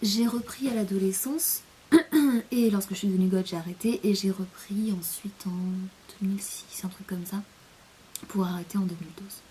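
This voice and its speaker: A woman's voice: medium pitch, normal speed, warm tone. A young French woman chatting in a casual rambling monologue, hesitant, with many fillers, often sinking to a near-whisper. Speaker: vlogger.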